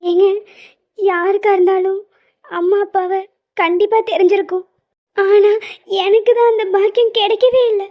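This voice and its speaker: A tearful young cartoon wife. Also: female voice, very high voice, fairly even intonation, normal speed, long pauses. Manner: emotional, pleading speech. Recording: slightly dull lo-fi audio.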